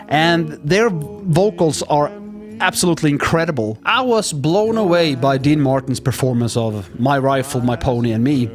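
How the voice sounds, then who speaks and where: A man giving a playful, self-mocking film review who often trips over his words. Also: fairly high pitch. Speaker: movie reviewer. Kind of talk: scripted film review with jokes.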